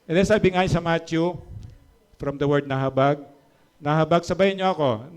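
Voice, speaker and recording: A male pastor preaches with a fairly high voice. He drops into hushed, low storytelling, then climbs into loud, high-pitched emphasis to drive his points home. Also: clear, resonant tone. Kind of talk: sermon.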